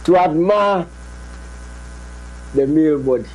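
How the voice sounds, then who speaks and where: A man with a Ghanaian accent who explains word roots slowly in casual conversation. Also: a little high, a little mellow, poor audio. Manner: slow, explanatory. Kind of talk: explaining in casual Twi chat.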